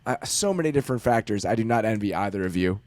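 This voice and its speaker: Brief: male podcast host, lively pitch, dry close sound, teasing. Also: fast talker, no room sound. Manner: wry, teasing. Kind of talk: casual podcast chat.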